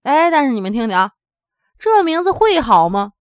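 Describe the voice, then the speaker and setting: A woman's voice: high-pitched, normal speed, no room sound. Woman storyteller from Henan, chatty, sing-song delivery; dull, dry lo-fi sound. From Henan, China. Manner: lively, chatty, addresses listeners directly. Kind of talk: folksy comic storytelling.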